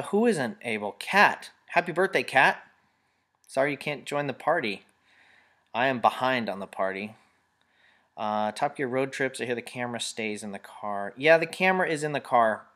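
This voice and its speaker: A man's voice: mid-range voice, fairly bright tone. A man casually chatting on a live webcam stream from home, rambling as he reads out and answers viewer comments. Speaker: live chat host answering fan questions. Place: home room.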